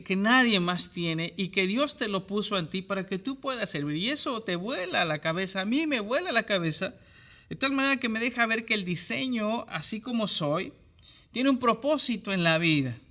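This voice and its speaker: A man preaching an online church sermon with a high, bright voice. He talks straight to his listener and stacks short parallel phrases for emphasis. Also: expressive, moderate pace. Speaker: pastor.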